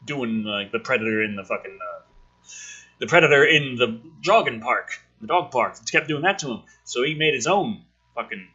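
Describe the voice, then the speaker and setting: Over a muffled recording, a man talks at normal speed in an animated mid-range voice, sharp in tone with a breathy edge. His throat is off because he's slightly ill. He hosts a reading of a film script, mocking it as he goes with a ranting, joking stream of sweary, sarcastic, exasperated comments.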